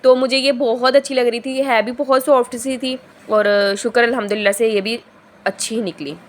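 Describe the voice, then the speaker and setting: A young woman vlogger from Pakistan talks through her shopping haul, her pitch sitting a little high even though a sore throat leaves her voice hoarse and heavy. She chats casually, rambles, and keeps stopping to correct herself mid-sentence. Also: fairly quick.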